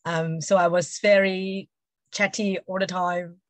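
A Montessori educator in her forties, with a Hong Kong accent, chats casually as an interview guest over a video call from a room at home, often saying "you know." Her voice sits on the low side with little pitch movement, her pace is measured, and there's no echo.

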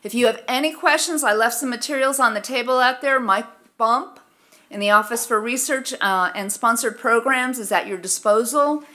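A woman's voice: fairly high pitch, normal speed, bright, forceful tone. A middle-aged woman giving an informal, explanatory instructional presentation at a lectern in a conference room. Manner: conversational, explanatory. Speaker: presenter, research office staff. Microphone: gooseneck lectern microphone.

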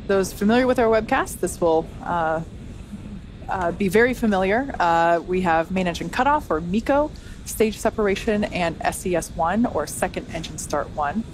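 Lowish-voiced woman commentating live. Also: lively intonation, moderate pace, rough recording. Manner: explanatory, conversational. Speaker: launch webcast host. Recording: faint background noise.

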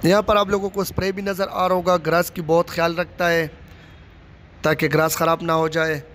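A man from Pakistan with a rather high, fairly bright voice speaks briskly in a level tone while walking through a large stadium under construction. Filming outdoors on his handheld phone, he gives plain commentary and repeats phrases, over a little hiss or hum.

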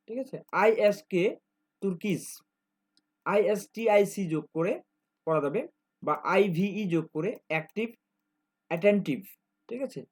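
A man with a slightly high voice and a Bangladeshi Bengali accent teaches an exam-prep grammar lesson. He works through examples one by one. He keeps stopping to ask whether his students follow. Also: a little mellow. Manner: explains step by step, checks in with "ঠিক আছে?" often.

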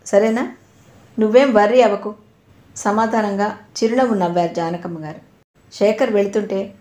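A woman narrating a serialized audio novel in a steady, measured reading voice of middle pitch. The recording carries a noticeable room echo. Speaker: storyteller. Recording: roomy echo.

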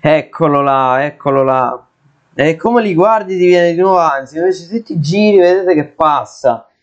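A man's voice: fairly high pitch, expressive, moderate pace. A young man giving let's play commentary, jittery and often exclaiming and swearing in fright. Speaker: gaming video creator. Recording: dull lo-fi sound.

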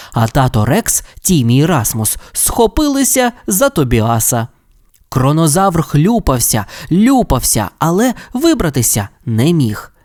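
A man narrating a children's audio fairy tale with expressive, animated storytelling. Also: mid-range voice.

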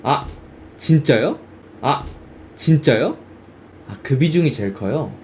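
Taking it slowly in a medium-pitched voice, a young man who streams games chats casually, with slight background noise present. He's animated, exclaiming and acting out reactions in quoted bits.

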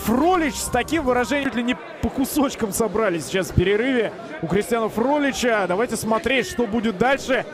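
A man giving excited live commentary on a fight as a commentator. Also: very high voice, brisk, music in the background.

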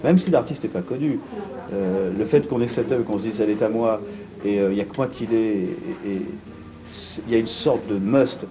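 Blunt middle-aged man, low voice, music under. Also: rough recording. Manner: brisk, blunt, many restarts and fillers. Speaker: art fair organizer. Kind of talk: interview. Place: vaulted brick gallery cellar, indoors.

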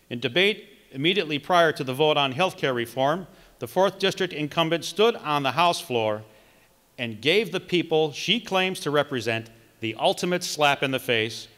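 A middle-aged man from Wisconsin, a political candidate reading a campaign speech at a podium microphone with measured emphasis. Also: medium pitch, fairly bright tone. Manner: reads from notes, emphatic measured delivery. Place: large conference hall, indoors. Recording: long hall reverb.

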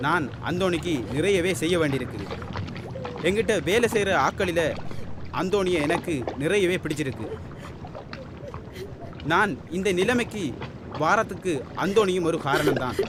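A man's voice: high-pitched, lively intonation, normal speed, long pauses, background noise. A man acting an authoritative, reassuring employer in an old-fashioned radio drama, earnest and declamatory. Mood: consoling, firm. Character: authoritative, reassuring boss, benefactor of workers' families.

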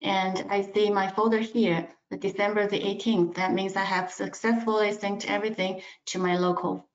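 A woman in a mid-range voice narrates a screen-share software demo, pausing often with fillers. The sound is roomy and dull, like video call audio from a screen recording. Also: mid-range voice, steady tone. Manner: hesitant, many fillers. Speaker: analyst presenting software.

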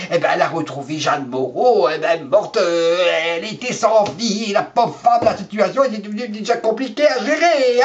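A man rambling through a gossip monologue as a vlogger, repetitive and chuckling. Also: a little high. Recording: dull lo-fi recording.

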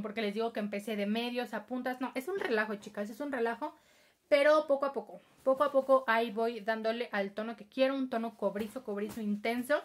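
A young woman chatting casually through a home hair-dye tutorial, hurried and addressing her viewers directly. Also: a little high. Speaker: beauty vlogger. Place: home, improvised spot.

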